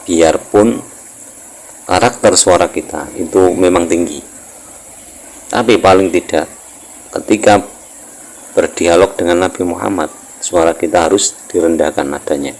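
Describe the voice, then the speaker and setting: A man leads a religious lesson in a very low, deep voice. He chants each line of verse slowly and then explains it in a calm, even, measured way. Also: low-quality recording. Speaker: religious teacher.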